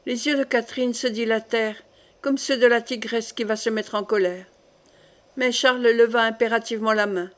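A woman reading a classic novel aloud in a measured, dramatic way. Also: on the high side, steady tone. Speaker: audiobook narrator. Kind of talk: scripted narration.

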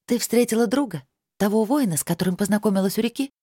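A woman voicing a gentle young woman soldier who speaks softly and shrugs off worry. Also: mid-range voice, quick pace, husky, dry recording, studio quality, voice pushed up, lightly acted.

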